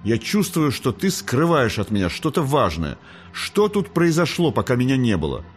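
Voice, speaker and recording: A man reading an audiobook, voicing a fiery, rebellious young girl angel who shouts in anger. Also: medium pitch, sing-song, moderate pace, faint music behind, natural voice. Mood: furious. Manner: shouting in anger, then quiet remorse.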